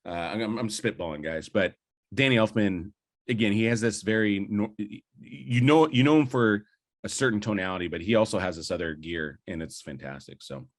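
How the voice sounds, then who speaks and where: A man's voice: fairly low pitch, a little fast. A young adult man co-hosting a podcast, debating movies enthusiastically and rambling with fillers and restarts. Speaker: podcast co-host. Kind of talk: casual film debate.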